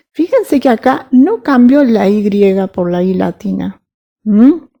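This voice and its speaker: A woman walks students through English grammar in an unhurried lesson. Her voice is mellow and rounded, and she pauses often to ask whether everyone follows. She reads her English examples out slowly and carefully. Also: medium pitch. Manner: patient, checks understanding with frequent "¿sí?" and "¿mm?". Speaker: English teacher.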